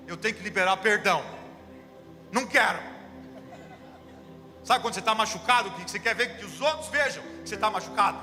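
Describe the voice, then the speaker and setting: High, bright Brazilian preacher in a church hall. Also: male voice. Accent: Brazilian Portuguese. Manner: storytelling with acted quotes, rising to fervent preaching. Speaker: pastor. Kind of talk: sermon.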